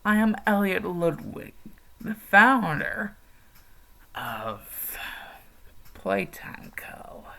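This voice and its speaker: A man voicing a sinister male toy-company founder in a low, hushed, creaky whisper. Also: very animated, extremely slow, long pauses, heavily acted. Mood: menacing hush.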